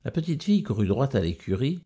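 A man narrating a fairy tale as a storyteller, with expressive, sweeping intonation. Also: mid-range voice, fast talker, husky.

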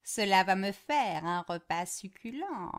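A cruel old witch from a fairy tale, greedy and domineering, played by a woman. She snaps out harsh commands in a storybook reading. Her voice sits at a middling pitch. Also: lively intonation, measured pace. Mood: menacing.

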